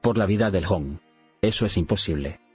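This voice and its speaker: A man's voice: low-pitched, normal speed, breathy edge. A man voicing an earnest, grave young male warrior. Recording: dull lo-fi recording, faint music.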